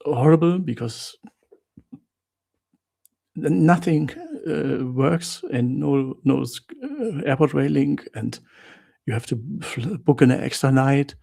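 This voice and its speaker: A German-accented man hosts a relaxed live Q&A, answering his viewers' questions in a low, gravelly, husky voice with a dark, mellow tone and a slow pace. He hesitates often, searching for English words amid many fillers, then sums things up in short, blunt exclamations.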